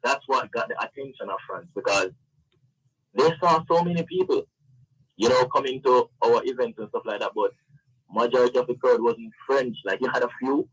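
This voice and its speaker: This man, an event organiser appearing as an interview guest, speaks at medium pitch and normal speed with a breathy edge. He chats casually and keeps dropping in "you know." The recording quality is low.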